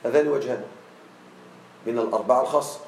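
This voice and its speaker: A man teaching Arabic grammar to a class. He often checks that his students follow along and draws out the example forms slowly. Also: mid-range voice, gravelly, darkish tone, roomy sound, slight background noise, rough recording. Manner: checks on students with frequent questions; drawn-out slow spelling of example forms.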